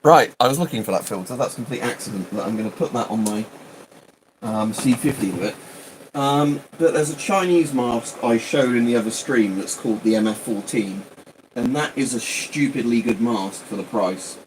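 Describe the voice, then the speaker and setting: A British livestream host chats casually at a medium pitch and moderate pace, rambling, hesitating and often cutting himself off. The background is noisy.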